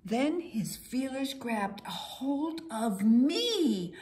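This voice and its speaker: Telling a children's story at an unhurried pace, a high-voiced woman lets her pitch swing widely and stresses key words in a theatrical, sing-song way. She sounds a little mellow and narrates expressively, as if to small children, over slight background noise.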